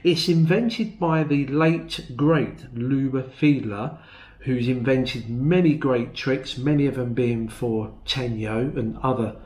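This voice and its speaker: A middle-aged or older man presenting a magic demonstration in a measured, step-by-step explaining way. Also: mid-range voice, darkish tone. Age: 50s or older. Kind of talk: explaining and demonstrating a close-up magic trick to viewers. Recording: roomy, echoey indoor sound.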